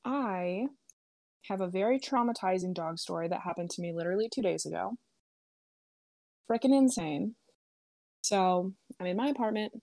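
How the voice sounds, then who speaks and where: A woman's voice: medium pitch, expressive, moderate pace, creaky, pauses often, darkish tone, dry recording, clean studio sound. A woman in her twenties telling a story in a casual, chatty way, full of "like" and "um" and freely swearing. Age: 20s. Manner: chatty, filler-heavy, lots of "like" and "um".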